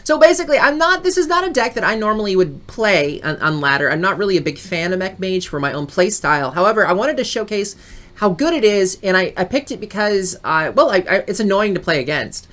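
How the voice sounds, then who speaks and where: A woman's voice: mid-range voice, animated, a little fast, fairly bright tone. A woman hosting her gaming channel, chatting casually and upbeat through a card game, often rambling and correcting herself mid-sentence. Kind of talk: casual gameplay commentary.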